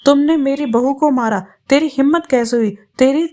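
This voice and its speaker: A woman voicing a sharp-tongued older mother-in-law who scolds and snaps at people. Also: high-pitched, normal speed, close to an everyday voice. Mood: furious. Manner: scolding, fierce.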